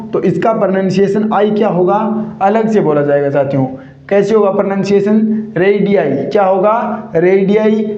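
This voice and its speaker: A man's voice: high-pitched, dark tone. A male teacher giving a grammar lesson, constantly asking questions and repeating the answers. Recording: echoey room, dull lo-fi sound.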